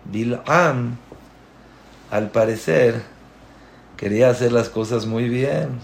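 A man, a religious teacher, giving a moralizing sermon and telling a story in a deliberate, storytelling way. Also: mid-range voice, gravelly.

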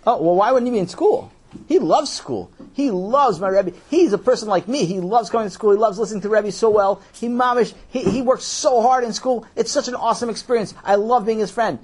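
A man's voice: high-pitched, a little fast, a little mellow, husky. A man voicing an eager, chatty young boy who rambles in a sing-song way, for a children's audio story. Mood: enthusiastic.

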